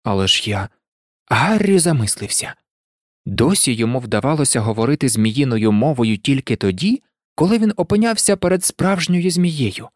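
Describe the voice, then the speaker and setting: A narrator reading an audiobook in an expressive, lively way. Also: mid-range voice, moderate pace, no echo, studio quality.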